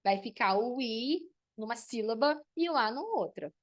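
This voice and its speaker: A woman's voice: fairly high pitch, lively intonation, moderate pace. A woman teacher, teaching an online class and explaining step by step while checking in with her students.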